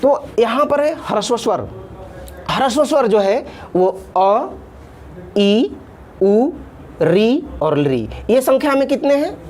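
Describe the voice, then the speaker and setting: Female Sanskrit grammar teacher, high and animated, explains patiently with lots of repetition. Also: takes it slowly, pauses often. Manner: patient, repeats terms in Sanskrit then Hindi, draws out vowel sounds. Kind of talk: classroom lesson explaining at a board.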